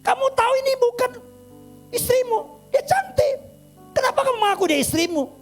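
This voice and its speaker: A man's voice: fairly high pitch, sing-song, moderate pace, breathy edge, faint music behind. A man voicing a stern male angel who scolds an old man in a sermon story. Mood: scolding.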